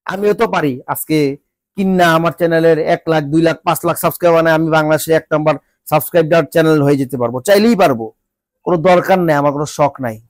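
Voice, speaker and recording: High-pitched Bangladeshi man, stuffy-nosed and exasperated. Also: quick pace, no echo. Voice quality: nasal, congested stuffy nose. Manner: exasperated, scolding, repeats rhetorical questions. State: sick with a cold, voice changed. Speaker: vlogger. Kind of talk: informal rant to viewers.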